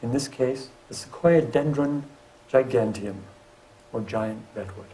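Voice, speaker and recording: A man's voice: medium pitch, unhurried, a little hiss or hum, rough recording. A middle-aged man, a professor and landscape architect, giving a public lecture with slides and dropping wry asides. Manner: lively delivery with wry asides.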